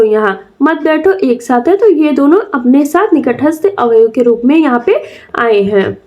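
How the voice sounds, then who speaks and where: A young woman with a high voice teaches a grammar lecture. She reads a textbook line aloud and then restates it simply, often pausing on a filler as she searches for words. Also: darkish tone, lo-fi sound. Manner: reads textbook lines then explains them plainly, with frequent "uh" fillers. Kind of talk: classroom lecture explaining from notes.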